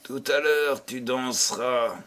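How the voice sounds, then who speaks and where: A man's voice: mid-range voice, takes it slowly, fairly bright tone. A man reading a fairy tale, voicing a sinister scheming male courtier with a mysterious, clipped manner.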